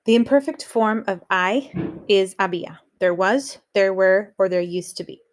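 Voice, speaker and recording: A woman's voice: mid-range voice, normal speed. Woman teaching Spanish grammar. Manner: steady explanatory pace, reads example sentences aloud. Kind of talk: recorded grammar lesson.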